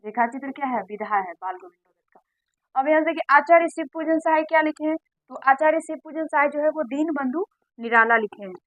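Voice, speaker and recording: A woman's voice: sits high, brisk, a bit bright, no room sound, low-quality recording. A woman teaching an exam-prep lesson, repeating each question and its answer to drill the points.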